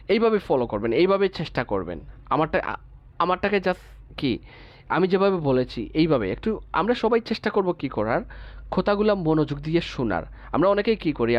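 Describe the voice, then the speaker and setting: A male teacher slowly sounds out English words syllable by syllable and checks in with "ঠিক আছে?" again and again. His pitch rises and falls with a lot of life. The sound is dull and a bit lo-fi, like audio from an online class. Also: no echo. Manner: breaks words into single sounds and repeats them, asks "ঠিক আছে?" often.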